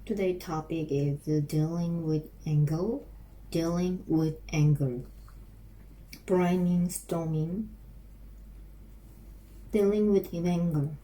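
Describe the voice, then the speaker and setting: Slow, halting woman with a Korean accent. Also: lowish voice, dark tone. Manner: slow, repeats phrases over and over, halting with restarts. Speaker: English learner practicing aloud. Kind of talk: self-recorded English speaking practice.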